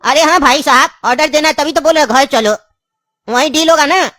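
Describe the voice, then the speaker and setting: A woman's voice: sits high, moderate pace, very noisy, natural voice. A woman acting an insistent, grieving elderly grandfather in a comedy sketch, pleading and pressing.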